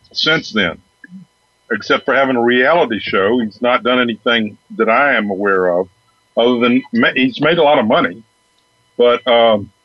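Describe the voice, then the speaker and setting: A man's voice: mid-range voice, dry recording. Hesitant man on dull, lo-fi audio. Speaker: sports talk co-host, called coach. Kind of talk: casual sports talk chat.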